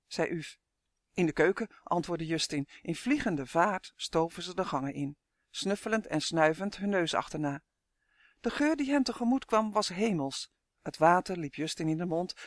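A man's voice: sits high, no room sound, studio quality. A man narrating a fantasy storybook in a vivid, dramatic reading. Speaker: audiobook narrator.

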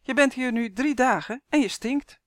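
A woman's voice: high voice, normal speed, no echo, voice pushed up, lightly acted. A firm, scolding storybook aunt who is kind underneath, voiced by a woman reading a children's tale. Her voice is close and dry. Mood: stern. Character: strict but kind odd aunt, adult woman.

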